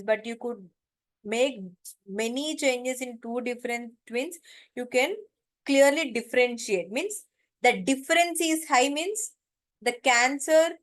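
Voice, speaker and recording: A woman with an Indian accent giving an informal lecture, explaining step by step and often checking that students follow. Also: on the high side.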